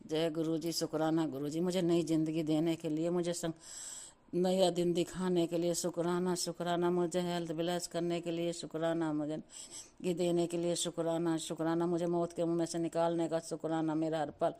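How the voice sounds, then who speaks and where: A woman's voice: on the low side, completely flat delivery, normal speed, warm tone. A middle-aged woman telling a devotional testimony, repeatedly addressing listeners and chanting words of thanks. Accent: Hindi with Punjabi-flavoured devotional terms.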